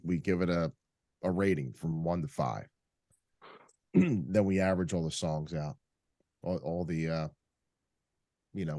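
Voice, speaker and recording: A congested, tired man hosting a casual podcast chat. He rambles with lots of fillers and clears his throat often. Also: sits low, a little mellow, no room sound, clean studio sound. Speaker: podcast host.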